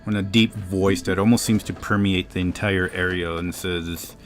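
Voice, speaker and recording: A man narrating an improvised tabletop game as game master, with halting, deliberate storytelling. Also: sits low, fairly even intonation, faint music behind.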